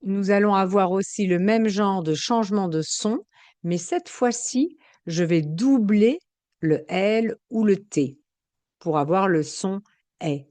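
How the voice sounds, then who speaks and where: Slow, careful woman teacher. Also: medium pitch, warm tone, no room sound. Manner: slow, careful, spelling out sounds and examples. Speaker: French teacher. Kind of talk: grammar lesson explanation.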